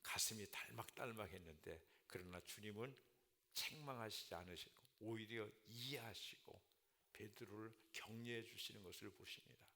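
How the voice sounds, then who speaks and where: Forceful Korean church pastor preaching. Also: male voice, lowish voice, moderate pace. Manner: earnest, punctuates with frequent affirmations. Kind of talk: sermon. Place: church sanctuary.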